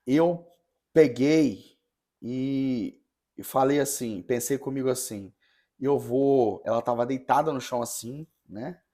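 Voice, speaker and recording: A parish priest tells a story during a podcast conversation, speaking earnestly but haltingly and restarting often. His voice is medium-pitched and mellow.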